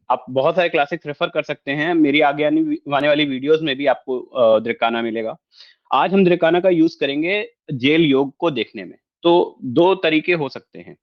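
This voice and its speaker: Male astrology tutor, explanatory, keeps checking in with viewers, slightly higher voice, muffled audio. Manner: explanatory, mixes Hindi with English, frequent check-ins. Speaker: astrology teacher. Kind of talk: online lesson with screen share.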